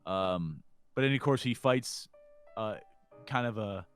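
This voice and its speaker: A man's voice: on the low side, expressive, fairly bright tone, clean tone, faint music behind. A man co-hosting a podcast, recapping a film in casual chat, rambling and acting out characters' lines. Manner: rambling, acts out film lines in quick impressions. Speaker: podcast co-host.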